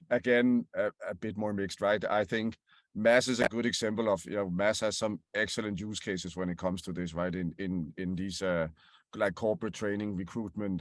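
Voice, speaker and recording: A man with a fairly low voice answers questions as a podcast guest. He stumbles and repeats words as he thinks. The recording is dry and close. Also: no echo. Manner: hesitant, repeats words, many fillers. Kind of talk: interview answers.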